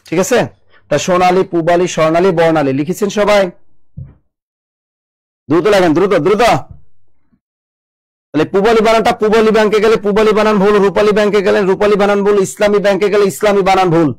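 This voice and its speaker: A male teacher runs a live spelling class online. His voice sits fairly high, and he keeps pressing the students to answer fast, repeating each word as he drills them. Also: fairly even intonation, low-quality recording. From Bangladesh. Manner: brisk and urging, repeats words, drills students.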